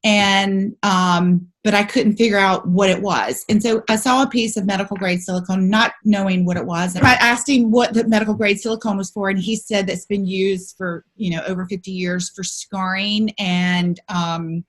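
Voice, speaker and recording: A woman's voice: medium pitch, steady tone, normal speed, few pauses. Woman around fifty telling her story. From southern United States. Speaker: beauty company founder, interview guest. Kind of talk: conversational personal storytelling interview.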